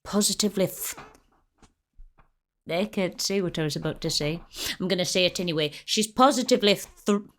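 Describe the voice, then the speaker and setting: A woman's voice: on the low side, moderate pace, long pauses. A woman reacting to a film with crude, ranting comedy, talking in a put-on Scottish accent like a stern old teacher. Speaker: reaction video host.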